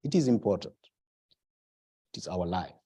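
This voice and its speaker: A man from Senegal speaking on a conference panel, halting at times as he searches for words and stressing his key points. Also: low voice, expressive, mellow, breathy edge.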